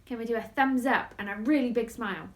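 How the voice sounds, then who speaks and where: A woman's voice: on the high side, fast. A woman hosting story time for children, talking in an overbright, playful way like a kids' party host.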